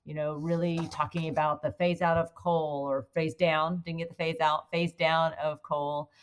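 Speaking at normal speed in a low, clear, resonant voice with a level tone, a woman guest explains her job as a utility's corporate affairs executive. It's a casual interview, and her fluent answers are sprinkled with frequent "you know" fillers.

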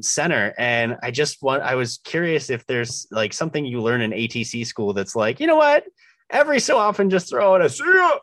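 Curious interview host, dry sound. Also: male voice, medium pitch, fairly bright tone, no echo. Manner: curious, appreciative, with frequent fillers. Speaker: interview host for a flight instructor group. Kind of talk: conversational interview.

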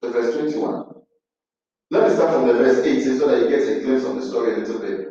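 A man preaching a sermon in an animated way, acting out the pleas and retorts he quotes. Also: mid-range voice, a little fast. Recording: echoey, dull sound from a distant mic.

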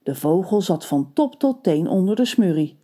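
A playful female storyteller reading a scripted tale, her voice mellow and warm. She moves lively up and down in pitch, keeping the telling expressive. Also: normal speed.

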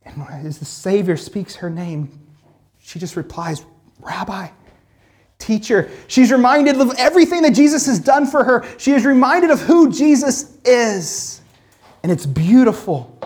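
Speaking at a measured pace with lively intonation, this pastor has a darkish, mid-range voice. His Bible teaching is casual: scripture read aloud between remarks, followed by emphatic points built from repetition and frequent "like"s.

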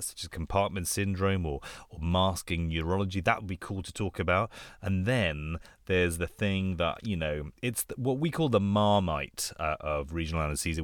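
A man with a very low voice chats on a podcast about his work in anesthesia. He sounds eager and playful, and pokes fun at his co-host. The sound is dry, with no room echo. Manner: enthusiastic, teasing, eager. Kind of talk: casual podcast chat.

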